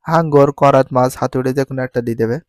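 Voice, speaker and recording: A male teacher with a Bangladeshi Bengali accent, drilling textbook science terms by asking questions and repeating each answer slowly. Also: mid-range voice, steady tone, no room sound. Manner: mixes English words into his teaching.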